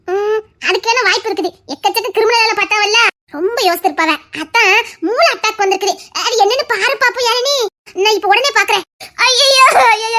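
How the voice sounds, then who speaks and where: A woman's voice: extremely high pitch, bright, forceful tone. A woman performing a family comedy skit, wailing and crying out in exaggerated mock distress.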